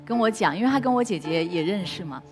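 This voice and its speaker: A woman guest tells a personal story candidly, sometimes jumping high when she acts out her own outbursts. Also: expressive, fast talker, music in the background. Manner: candid, acts out quoted outbursts with sudden high bursts and laughs. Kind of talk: emotional personal storytelling on a talk show.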